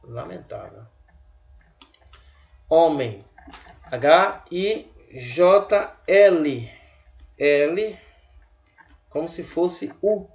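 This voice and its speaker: Guy teaching a language lesson, kinda gravelly, slightly high voice, dull lo-fi sound. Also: animated. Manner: chatty, repeats words slowly, chuckles. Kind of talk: casual online lesson.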